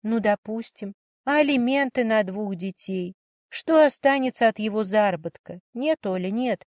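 A composed young woman who has made up her mind and says so steadily, as a woman reads her part in a storybook. her mid-range voice stays even and resolute. the recording is dry and close, with no room sound. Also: medium pitch, moderate pace, no echo, lightly acted. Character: calm, determined young woman.

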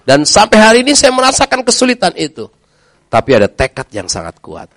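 A middle-aged man, a preacher telling his own story in a lively way and acting out the voices of the people in it. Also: high voice, fairly quick, dry recording, studio quality. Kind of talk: lively testimony talk.

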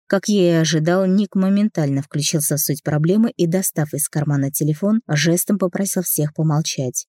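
A woman's voice: low-pitched, moderate pace, hardly any pauses, dark tone, no echo. A woman reading a first-person audiobook, telling a man's story and lightly voicing its characters. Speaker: audiobook narrator.

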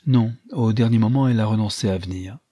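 A man with a husky voice voicing a gentle, earnest young society woman in an audiobook. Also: lowish voice, quick pace, no room sound, studio quality.

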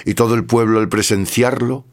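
A man narrating a scripted audiobook in a steady, measured way. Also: medium pitch.

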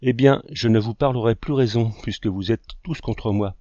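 A man's voice: medium pitch, moderate pace, dark tone, dry recording, muffled recording, close to an everyday voice. A man reading as a fussy young artist. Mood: protesting. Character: young male artist, talkative, fussy eater.

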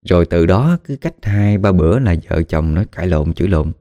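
A man tells a ghost story in a casual, colloquial way. His voice is very low and mellow, and he breaks into dramatic exclamations as he speaks. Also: lively intonation, moderate pace. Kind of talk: spoken ghost story narration.

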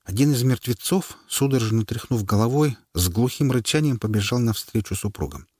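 A man reading a story aloud in measured scripted narration. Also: mid-range voice, lively intonation, warm tone, husky, no room sound, studio quality. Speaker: audiobook narrator.

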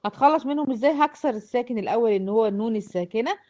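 A woman's voice: on the high side, very fast, dark tone, lo-fi sound. A woman with an Egyptian accent teaching a class, explaining step by step and often checking that her students follow. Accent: Egyptian Arabic. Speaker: Quran recitation teacher. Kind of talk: explanatory lesson to a class of girls.

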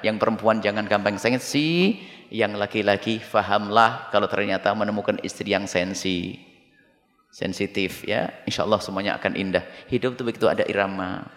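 A man preaching a sermon to a congregation, lively and jumping into high-pitched mimicry of the people in his stories. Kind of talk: Islamic sermon with Q&A. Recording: long hall reverb.

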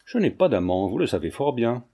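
A man voicing a proud, sharp-tongued young countess with a curt, demanding manner in an audiobook. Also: mid-range voice, sing-song, fairly quick.

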